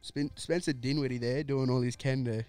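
A man's voice: mid-range voice, fairly even intonation, normal speed, mellow, clean tone, dry recording, faint music behind. A man co-hosting a casual basketball podcast, laid-back and joking with slangy banter. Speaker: podcast co-host.

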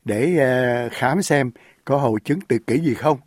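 A man's voice: medium pitch, unhurried, darkish tone, no room sound. Polite male radio host, dry sound. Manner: polite, deferential, many fillers. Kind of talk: radio interview.

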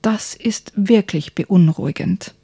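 A woman's voice: medium pitch, slow pace, creaky. A woman voicing a polite, exasperated talking horse who serves a young prince in a children's story. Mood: patient, reproachful.

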